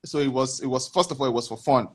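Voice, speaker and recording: A man speaks in a mid-pitched voice over a video call. He answers at an easy, reflective pace, often stopping and restarting his sentences. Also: quick pace, husky. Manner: hesitant, many restarts, reflective. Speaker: interview guest. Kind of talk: casual interview answers.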